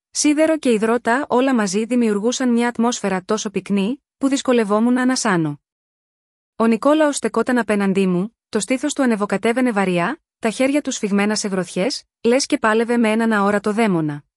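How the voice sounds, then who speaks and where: A woman narrates a first-person romance in a measured, sensual tone. Her voice sits a little high, and the sound is dry and close with no room around it. The delivery is calm and scripted, like an audiobook reading. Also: no echo. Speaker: storyteller.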